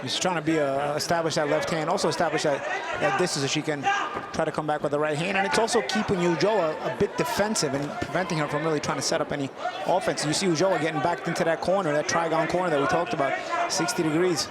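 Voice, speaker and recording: A man's voice: on the high side, fast talker. A man giving analytical colour commentary on a fight, explaining technique and repeating his points. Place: live fight arena. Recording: live broadcast with very loud crowd noise.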